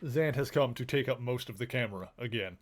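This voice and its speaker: A man's voice: mid-range voice, brisk. A man streaming a video game, chatting casually in a rambling way and cooing affectionately to his pets. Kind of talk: casual chat while live streaming.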